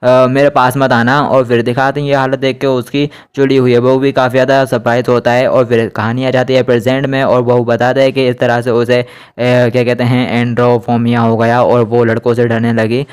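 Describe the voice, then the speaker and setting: Male recap narrator, quick even delivery, clean and smooth tone. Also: mid-range voice. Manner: fast, even storytelling with repeated stock phrases. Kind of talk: Hindi anime recap narration with quoted dialogue.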